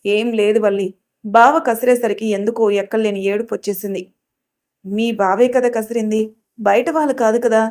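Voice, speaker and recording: A woman's voice: fairly high pitch, fairly even intonation, moderate pace, a little mellow. A woman narrating a family drama audio story, reading all the characters' dialogue herself with only small changes in her voice. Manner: reads every character's dialogue in her own voice with small shifts.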